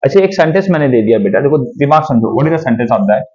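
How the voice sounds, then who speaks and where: A man teaching English grammar to a class, coaxing and checking again and again that students understand, slowing down to dictate sentences. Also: medium pitch, animated, a little mellow, muffled recording. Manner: calls students beta, slows to dictate sentences.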